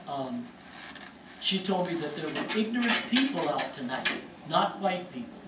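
Man, higher voice, storytelling testimony in a roomy hall, mic far off. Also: heavy background noise. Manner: animated storyteller, acts out voices, laughs. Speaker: speaker sharing his life story. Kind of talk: personal testimony to an audience.

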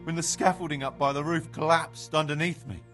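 A man's voice: a little high, fairly even intonation, a little fast, a bit bright, faint music behind, lightly acted. A male actor voicing a despondent, bedridden quarry worker in a video game, plaintive and pleading. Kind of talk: video game dialogue acting.

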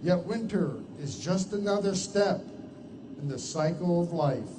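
An older man declaiming a proclamation loudly and theatrically in drawn-out phrases, in the manner of a town crier. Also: high-pitched, expressive. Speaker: ceremony announcer reading a proclamation. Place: outdoor stage before a crowd. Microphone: headset. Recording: noisy live outdoor event sound.

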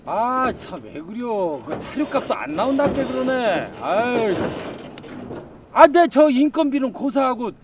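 A man's voice: extremely high pitch, sing-song, a little slow, far from the mic, noisy background, exaggerated voice. A man playing a hot-tempered rural father. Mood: exasperated. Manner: angry, scolding, coarse. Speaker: farmer and father. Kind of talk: film drama acting.

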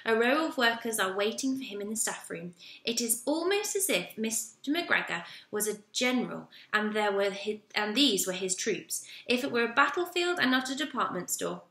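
Bright, expressive woman reading a storybook. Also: a little high, normal speed, hardly any pauses. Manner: lively and expressive. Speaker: children's story reader. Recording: roomy echo.

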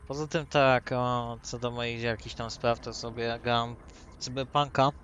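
A man's voice: medium pitch, level tone, a little slow, fairly bright tone, dull audio. A tipsy man giving rambling, casual commentary as he hosts a let's-play. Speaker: gaming video host. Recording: noisy, with game ambience behind. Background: video game ambience.

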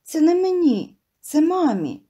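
A woman's voice: high-pitched, very animated, unhurried, warm tone, voice pushed up. A woman voicing a shy, tearful little girl who pleads between sobs in an audio story. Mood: tearful pleading. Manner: sobbing, pleading.

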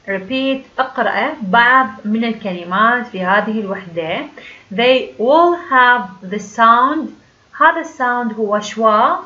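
A woman's voice: fairly high pitch, sharp tone, highs cut off. A woman teacher with an Iraqi Arabic accent who reads English exercise lines aloud, then translates and explains each one. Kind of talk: explaining a textbook lesson.

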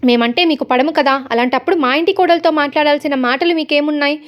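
Firm young man, reproachful, quick-talking, read by a woman. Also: high voice, lightly acted. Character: protective young man, firm with his aunt.

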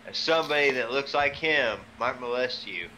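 A man's voice: mid-range voice, normal speed, bright, forceful tone, a little hiss or hum, rough recording. A man chatting casually and crudely with friends during an online game. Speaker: gamer in a squad voice chat.

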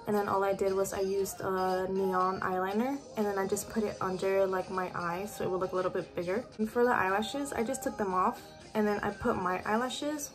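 Teen vlogger girl, bedroom webcam chat, rambly and full of "like", faint music behind. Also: medium pitch. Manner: chatty, lots of "like" fillers. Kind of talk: casual chat to camera. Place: bedroom at home.

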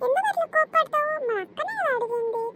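A woman's voice: extremely high pitch, lively intonation, quick pace, noisy background, pitched above the performer's own voice. A woman voicing a fussy, tearful old mother-in-law in a cartoon, talking in a pleading, long-winded way.

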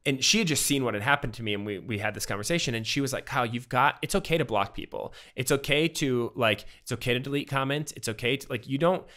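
A man in his thirties, appearing as a podcast guest, tells a personal story in casual, animated talk packed with fillers and acted-out quotes. His medium-pitched voice moves quickly with hardly any pauses. He's at home in a room with bookshelves, using a studio mic with a pop filter and wearing headphones.

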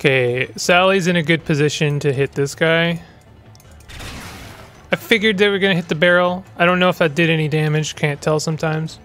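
A man's voice: a little high, moderate pace, fairly bright tone, faint music behind. A man hosting a gaming channel, giving rambling, chatty let's play commentary with stumbling restarts.

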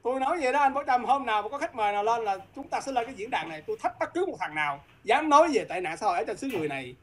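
A woman's voice: on the high side, animated, racing. A woman from Vietnam, a guest talking politics in a heated, combative way and repeatedly challenging her listeners.

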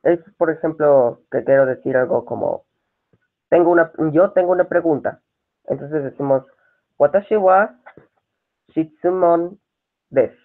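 A man runs a live-streamed language lesson in a slightly high voice, talking slowly and spelling words out one letter at a time. His voice comes through thin and narrow, like a phone line. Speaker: Japanese language teacher. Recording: tinny phone-like sound.

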